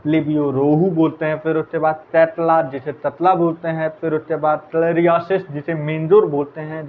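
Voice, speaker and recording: Male teacher, casual revision lecture, slightly high voice, tinny phone-line sound. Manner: casual, repeats answers, calls listeners brother. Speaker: biology teacher. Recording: tinny phone-like audio, faint hiss.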